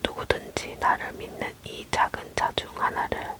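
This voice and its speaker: Casting: ASMR reader for scripture, leaning in to whisper throughout, breath only with no voiced tone. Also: moderate pace. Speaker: Bible reader.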